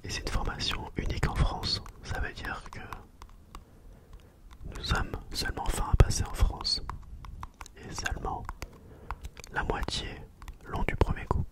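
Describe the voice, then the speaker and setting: In a breathy whisper with no voicing, an ASMR host chats in a relaxed way from the floor of their home, slowly saying words and phrases over again.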